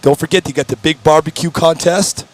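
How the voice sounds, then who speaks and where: A man's voice: on the high side, fairly even intonation, a little fast. Hyped man hosting a live race event. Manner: hyped, promotional, talkative. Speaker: host. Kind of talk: live event interview chat.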